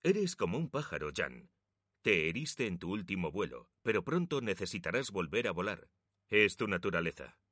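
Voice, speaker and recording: A man voicing a frail old father who gently consoles his son, with a lively, low voice. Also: normal speed, dry recording, clean studio sound, full character voice. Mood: wise.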